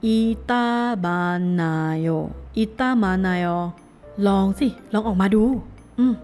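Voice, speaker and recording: A woman with a mellow, relaxed tone leads a language lesson, drawing each phrase out one syllable at a time before repeating it smoothly at full speed. Her delivery is cheerful and encouraging. Soft music plays faintly underneath her. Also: medium pitch, slow. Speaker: Korean language teacher. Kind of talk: language lesson, reading phrases slowly then fast.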